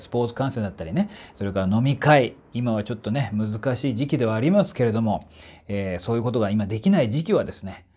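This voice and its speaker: A man's voice: on the low side, darkish tone. A man from the Kanto region, a voice trainer giving a chatty, emphatic solo talk with polite asides. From Kanto, Japan.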